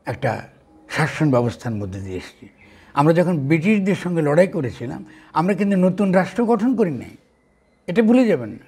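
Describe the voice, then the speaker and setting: An older man giving a slow, deliberate political talk to his audience, asking rhetorical questions. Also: a little high, gravelly, darkish tone, husky. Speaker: political commentator. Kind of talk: direct-to-camera talk.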